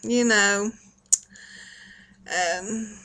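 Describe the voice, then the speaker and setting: A woman's voice: mid-range voice, steady tone, extremely slow, sharp tone, low-quality recording. A middle-aged woman with a folksy Appalachian accent, chatting casually and rambling along to her online viewers. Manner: folksy, chatty, laughs often. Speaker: video blogger.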